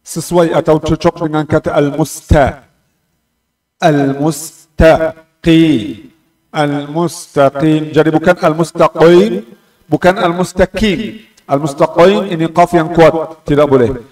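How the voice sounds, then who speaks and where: A man teaching Quran pronunciation, explaining calmly and drawing out syllables again and again to demonstrate them. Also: fairly high pitch. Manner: slow and patient, repeating letters and syllables to demonstrate pronunciation. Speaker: tajwid teacher. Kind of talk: Quran recitation lesson. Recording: roomy echo, distant mic.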